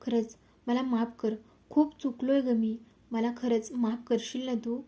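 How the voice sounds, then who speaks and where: A remorseful grown man begs his mother's forgiveness, as a woman narrator puts him on. The voice is mellow, fairly flat and a little high. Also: a little slow, close to an everyday voice. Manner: apologetic, pleading. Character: remorseful grown son, a repentant drinker.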